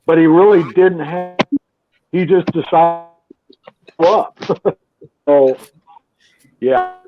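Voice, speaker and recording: Halting man over buzzy, glitchy call audio. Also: fairly high pitch, soft background music. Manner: halting, full of "uh" pauses and restarts. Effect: buzzy, glitchy video call audio that breaks up and freezes. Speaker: restaurant owner joining a live chat by video call. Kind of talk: casual chat. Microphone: video call. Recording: tinny, noisy call line.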